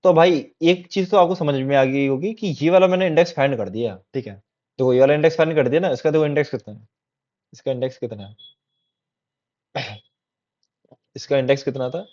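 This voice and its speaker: A man's voice: medium pitch, a little fast, long pauses, a little mellow. A man teaching a coding lesson in a casual, repetitive way, often checking that listeners follow. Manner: chatty, repetitive, keeps checking in with "theek hai". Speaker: coding tutor. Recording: dull lo-fi recording.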